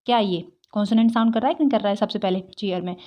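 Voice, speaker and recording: Lady explaining grammar to students, keeps asking questions and checking in, steady even pitch. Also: rapid-fire, lo-fi sound. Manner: explains step by step with many rhetorical questions and repeated "theek hai". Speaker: English teacher.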